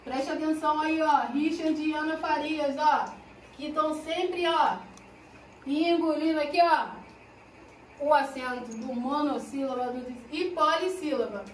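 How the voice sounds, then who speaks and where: A woman teacher explaining a lesson to her pupils, drawing out key words slowly and checking in with "né?" and "ó". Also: high-pitched, slight background noise. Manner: slow, drawn-out explanations with frequent "né?" and "ó". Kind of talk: recorded class lesson. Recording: echoey room, voice from a distance.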